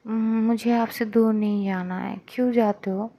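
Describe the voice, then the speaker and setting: A woman's voice: on the high side, fairly even intonation, a little slow, dark tone. A woman voicing a tipsy, clingy young woman who whines, pleads and stammers from cold.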